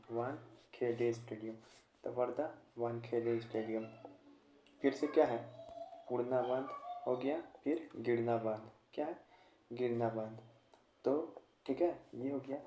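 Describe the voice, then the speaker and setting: A man's voice: medium pitch, warm tone, reverberant, a little hiss or hum. A man teaching an exam-prep general knowledge lesson, repeating memory tricks and quizzing with rhetorical questions.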